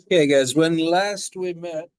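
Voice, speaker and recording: Laid-back male teacher in a classroom, slow-paced and a bit high-voiced, coaxing answers from students. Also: a little mellow, clean tone, rough recording. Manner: casual, quizzing the class with repeated prompts. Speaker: math teacher. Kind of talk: classroom lecture.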